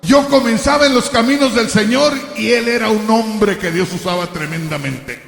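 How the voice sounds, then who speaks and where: Male preacher, high raspy voice, fiery sermon delivery, recorded with long hall reverb. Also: normal speed. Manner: impassioned, swings from hushed storytelling to shouting.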